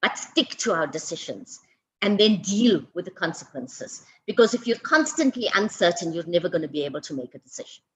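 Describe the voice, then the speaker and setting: A woman with a South African accent giving a webinar lecture over a video call. She talks fast, restarts and repeats words, and often checks in with "okay?". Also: lowish voice, very animated, low-quality recording. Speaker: webinar speaker.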